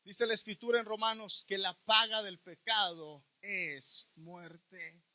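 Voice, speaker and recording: A man preaching a sermon, emphatic, stretching key words and rising to near shouts. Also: high-pitched, unhurried, no room sound.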